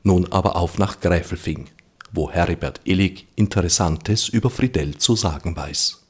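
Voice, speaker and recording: A man hosting a radio reading series, speaking in a formal, measured, scripted way. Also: deep voice, slight background noise. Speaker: radio host.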